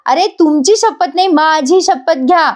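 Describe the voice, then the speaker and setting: A woman's voice: high-pitched, lively intonation, moderate pace, voice pushed up. A woman voicing a cheeky young female student who pleads and teases. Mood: insistent. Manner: pleading, teasing.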